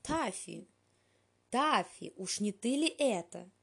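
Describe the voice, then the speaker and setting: A woman's voice: a little high, lively intonation, takes it slowly, creaky, fairly bright tone, slightly rough, full character voice. A woman voicing a cheeky young female cat who teases and mocks. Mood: puzzled. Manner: teasing, mocking.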